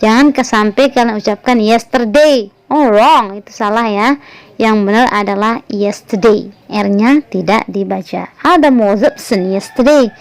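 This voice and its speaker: A woman teaches an online English grammar lesson, patiently walking through each example and slowing down to model the phrases. Her voice sits a little high and comes across smooth and clear. The recording is dry and close. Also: no echo, rough recording. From Indonesia.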